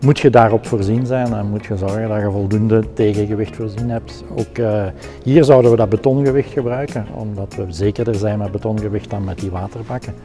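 A middle-aged Flemish man talks through the technical side of his job in a big indoor hall. His voice is low and dark, and he pauses often with fillers as he thinks things through. There is faint music underneath. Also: steady tone. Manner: practical, hesitant with many fillers. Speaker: technical production director. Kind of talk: explaining his work in an interview.

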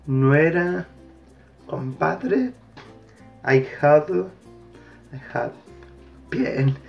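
A Chilean man leads an online sign language class at a slow, deliberate pace. He calmly repeats each word as he shows its sign. The recording sounds dull and lo-fi, with faint music underneath. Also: a little high. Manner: calm, repeats each word slowly while demonstrating signs. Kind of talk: online lesson.

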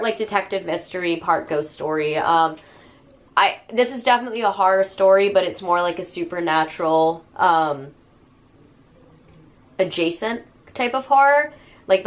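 Woman with a cold, gushing about books. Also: on the low side. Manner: enthusiastic, gushing, with fillers. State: hoarse from a cold. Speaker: book reviewer. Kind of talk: casual book review vlog.

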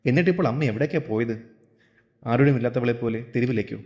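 A man's voice: mid-range voice, fast talker, a little mellow, lo-fi sound, natural voice. A man voicing a concerned, earnest young son-in-law in a storybook reading, asking anxious questions.

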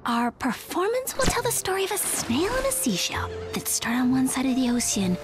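A woman voicing a sensitive, dreamy young girl artist in a cartoon, breathy and precious in her deliberate phrasing. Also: high-pitched, very animated, over music, exaggerated voice. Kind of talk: animated cartoon voice acting.

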